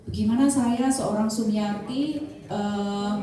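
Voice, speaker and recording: A woman's voice: medium pitch, takes it slowly, slight background noise. Woman around fifty speaking in an echoey hall. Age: 50s. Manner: chatty, warm-up questions to the crowd, many fillers. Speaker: insurance agent giving a sharing talk. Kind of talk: motivational speech to an audience. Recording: distant mic, heavy room echo.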